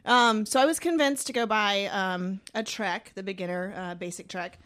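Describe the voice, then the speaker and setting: A woman's voice: mid-range voice, normal speed, fairly bright tone. A woman in her thirties from Georgia, a bike instructor chatting on a podcast, telling a story with many ums and likes. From Georgia, USA. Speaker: mountain bike instructor, guest. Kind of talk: casual podcast chat.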